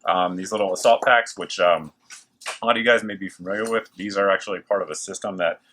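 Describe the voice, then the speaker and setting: His voice is deep and a bit bright, with fairly even intonation and a fast delivery. As host of a gear review video, he shows off products to camera in a casual, enthusiastic way. The working factory around him adds machine noise and clicks.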